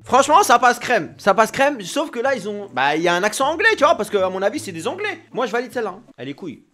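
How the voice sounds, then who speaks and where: A man's voice: high voice, very animated, quick pace, pushed and bright. A man doing casual, crude, joking reaction commentary for viewers. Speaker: youtuber. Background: music clips playing.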